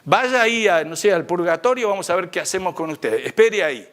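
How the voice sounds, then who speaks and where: A man's voice: high-pitched, animated, a little fast, fairly bright tone. A man voicing a stern old male saint guarding heaven's gate, questioning and dismissing newcomers in a dry, clipped way. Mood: dismissive.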